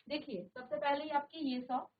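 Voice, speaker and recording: A woman teaching a class, slowly sounding out syllables aloud for her pupils to repeat. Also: sits high, fairly even intonation, phone-quality sound. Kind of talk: classroom lesson. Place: studio virtual classroom.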